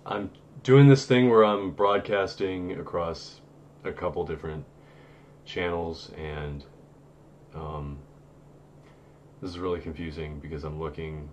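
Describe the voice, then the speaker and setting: Casual streamer, man in his 30s, deep voice, slow and rambling, home-studio mic with faint background noise. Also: fairly even intonation. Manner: rambling, many fillers and restarts. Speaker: host of a paranormal live stream. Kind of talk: casual live-stream chat.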